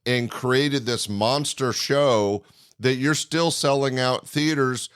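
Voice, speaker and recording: Male podcast host, medium pitch, complimentary and conversational, recorded close and dry. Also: slow pace, a bit bright, clean tone, no room sound. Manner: effusive, complimentary. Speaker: podcast interviewer. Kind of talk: conversational interview.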